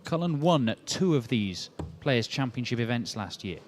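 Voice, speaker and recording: A man giving live darts commentary in a measured, analytical way as play unfolds. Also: mid-range voice, very animated. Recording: clearly noisy background with clicks.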